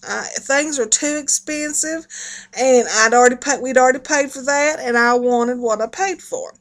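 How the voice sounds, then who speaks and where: This middle-aged woman, a video blogger with a folksy Appalachian accent, speaks in a high, fairly bright voice at normal speed. She chats casually and rambles on to her online viewers, laughing often.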